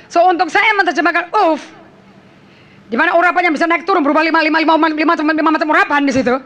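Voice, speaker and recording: A woman preacher delivers a forceful sermon to a church congregation, dropping in English phrases and checking on her listeners. Her voice sits very high, with a bright, sharp edge. She speaks with insistent emphasis. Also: steady tone, racing.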